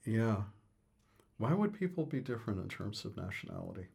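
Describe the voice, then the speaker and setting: A man's voice: lowish voice, big pitch swings, brisk, vocal fry, dark tone, breathy edge. A man explaining music thoughtfully in conversation, hesitant with many fillers and restarts. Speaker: interviewee on music.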